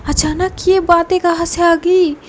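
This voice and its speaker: A woman's voice: very high voice, little pitch movement, a little slow, slight background noise, pitched above the performer's own voice. Woman voicing Pranali, hurt earnest young woman.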